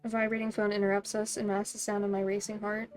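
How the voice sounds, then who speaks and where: A woman's voice: medium pitch, flat delivery, fast, over music. A woman streaming a game, reading its text aloud and breaking into bubbly, giggly, playful asides.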